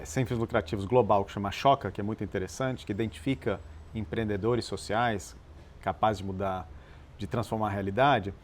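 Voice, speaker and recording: A man born in Chile, an interview guest and nonprofit founder, telling his story in a measured, explanatory way with some hesitations. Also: on the low side, a little hiss or hum. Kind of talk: relaxed conversational storytelling.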